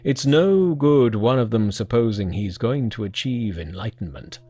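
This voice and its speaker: A storyteller voicing a stern old patriarch teacher who questions a new pupil, gruff and measured. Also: medium pitch, expressive, warm tone, faint music behind.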